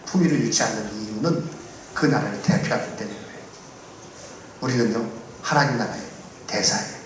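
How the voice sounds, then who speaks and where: A man preaching a sermon as pastor, swinging between loud emphatic declarations and quiet low asides in a solemn, exhorting cadence. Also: a little hiss or hum. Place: church sanctuary. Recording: very echoey hall, mic far off.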